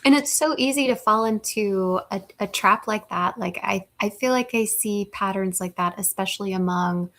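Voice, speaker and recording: A woman's voice: mid-range voice, a bit bright. Agreeable chatty woman co-host. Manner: chatty listener, quick to agree and react. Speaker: podcast co-host. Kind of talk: casual chat.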